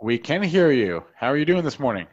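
A male show host talks casually at a middling pitch with very lively intonation. He is chatty and tends to repeat himself. The audio is a little dull and lo-fi. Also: fairly quick, breathy edge. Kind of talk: casual live show interview.

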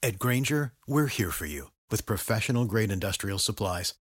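A man reading a scripted radio-style advertisement in an earnest, steady manner. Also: on the low side, normal speed, breathy edge, no room sound, studio quality. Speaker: ad announcer. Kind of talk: scripted ad read.

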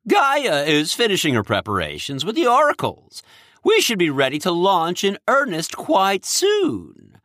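A man voicing a nervous, excitable male king of the gods who speaks urgently and shakily. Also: high voice, measured pace, no room sound, studio quality, voice pushed up, heavily acted. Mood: delighted. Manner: urgent, rising, shaky.

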